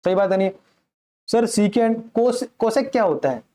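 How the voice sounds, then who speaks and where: High-pitched but dark in tone, this man teaches maths at a measured pace with lively intonation. Throughout the explanatory lesson he politely addresses listeners, patiently raises questions and answers them, and goes over key points again.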